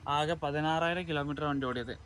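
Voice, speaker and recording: A man's voice: fairly high pitch, fairly even intonation, fairly quick, a bit bright. A man with a Kerala accent speaking as a used car dealer in short, factual phrases, mixing English terms into Malayalam. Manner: Malayalam mixed with English words; terse, short factual answers. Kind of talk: casual sales walkthrough. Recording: faint vehicle and ambient noise.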